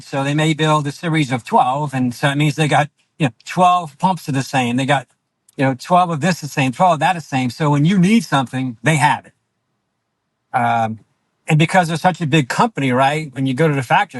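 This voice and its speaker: A self-assured man giving opinions bluntly as an interview guest, often checking his points with a quick tag question. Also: a little high, no echo, low-quality recording. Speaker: interview guest, boat owner.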